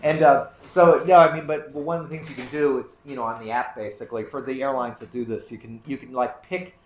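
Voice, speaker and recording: A man talks a group through his travel photos, wandering from point to point and circling back to restart his sentences. His voice sits at an ordinary middle pitch. The room echoes around him, with a faint hum of noise underneath. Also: steady tone, a little fast. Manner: rambling, self-correcting, many restarts. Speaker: club trip presenter. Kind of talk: casual slideshow talk to a group. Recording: roomy room echo, faint background noise.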